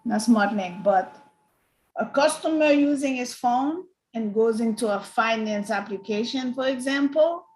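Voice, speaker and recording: A woman's voice: fairly high pitch, a little slow, a little mellow, roomy sound, rough recording. A woman asking hesitant questions in a casual online meeting, with many fillers and restarts.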